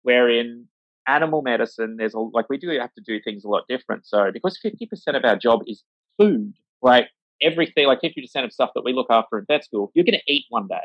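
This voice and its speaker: A man's voice: medium pitch, lively intonation, quick pace, no echo. A man talks casually as an interview guest about life as a vet. He rambles with many fillers and acts out the voices of people he quotes. The recording is dry and a little dull. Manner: acts out voices when quoting.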